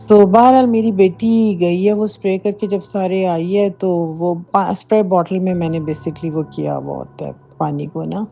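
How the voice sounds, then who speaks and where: A woman's voice: fairly low pitch, fairly even intonation, gravelly, hardly any pauses, mellow. A middle-aged woman casually recounting a true haunting from her own home, talking emphatically with many fillers, recorded as a voice note. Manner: emphatic, conversational storytelling with frequent fillers. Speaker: listener sharing a personal story. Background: faint background music.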